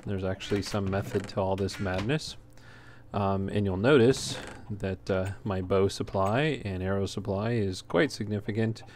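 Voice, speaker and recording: A man hosts a gaming video, giving loose, unscripted walkthrough commentary with a bit of hesitation. His voice is low and darkish, at normal speed. It's a noisy home recording with obvious background noise.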